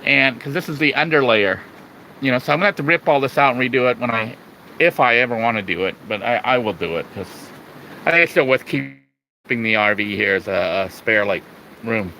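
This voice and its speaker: A man's voice: mid-range voice, a little fast, bright, forceful tone, low-quality recording. A man giving an informal, rambling video update as a vlogger, hesitating and filling with "you know". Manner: informal, rambling, hesitant delivery with repeated 'you know'. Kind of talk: casual video walkthrough. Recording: faint background noise and ambience.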